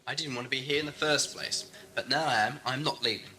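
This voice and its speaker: A man's voice: mid-range voice, steady tone, fairly quick, sharp tone, natural voice, rough recording. A man playing an inquisitive, moralising time-travelling adventurer in a science fiction audio drama, with a wry, questioning, theatrical delivery. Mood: indignant. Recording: faint hum and noise, amateur tape.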